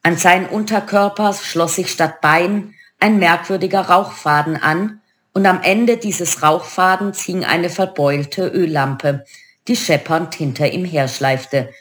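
Woman, audiobook narrator, first-person story, lowish pitch, expressive. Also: measured pace. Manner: lively, expressive reading.

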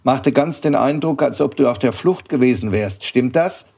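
A grumpy old bookseller in a storybook reading, growling and scolding in a raised, gruff voice, as a male narrator puts him on. He questions and needles, brusque and unimpressed. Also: mid-range voice, moderate pace, darkish tone, voice pushed up. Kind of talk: audiobook reading.

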